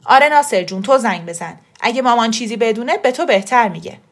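A woman reader voicing an angry middle-aged uncle who talks loudly and blames others. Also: fairly high pitch, expressive. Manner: loud, blaming.

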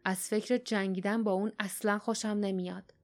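Female reader as a gruff honorable warrior, blunt lines, no big voice change. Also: mid-range voice, fairly even intonation, close to an everyday voice. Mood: grumbling. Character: strong grown male former palace guard, honorable.

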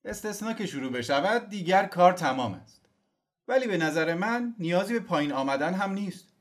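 Village gossip, male, chatty, knowing, raised pitch, audiobook, voiced by a man. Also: expressive. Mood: gossipy.

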